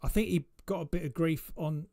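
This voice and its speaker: A man's voice: a little high, a little fast, mellow, dry recording, studio quality. A man hosting a trading live stream, chatting casually, laughing often and restarting his sentences. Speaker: trading livestream host.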